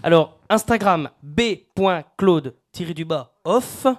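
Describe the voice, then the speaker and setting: A man, a singer guest in a radio studio, chatting casually in an interview and pausing often with fillers. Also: fairly high pitch. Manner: hesitant, many fillers.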